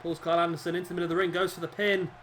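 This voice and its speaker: A gameplay commentator with a high voice, slightly hoarse as he loses it, talks very fast over a noisy background. His casual play-by-play is relaxed and rambling, full of fillers and self-corrections.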